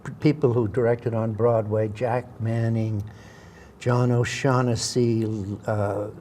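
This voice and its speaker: An older man recalls his acting career for an interviewer. He stumbles and restarts as he goes, and he speaks at a middling pitch. A faint hiss of room noise sits behind him. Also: level tone, takes it slowly, mellow. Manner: hesitant, rambling with fillers and restarts. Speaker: interview guest, veteran actor. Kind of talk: anecdotal interview storytelling.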